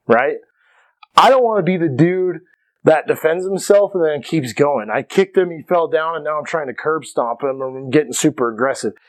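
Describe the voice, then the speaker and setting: A man teaching self-defense to camera in a casual but emphatic way, often checking in with "okay". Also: a little high. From Irish. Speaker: martial arts instructor. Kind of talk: instructional talk to camera.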